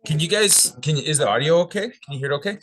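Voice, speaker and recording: A man's voice: fairly high pitch, lively intonation, quick pace, a bit bright. A man chatting casually and easygoing while checking his microphone before presenting to colleagues on a video call. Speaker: presenter at a real estate office meeting. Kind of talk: casual chat while testing audio. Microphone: own microphone on a video call.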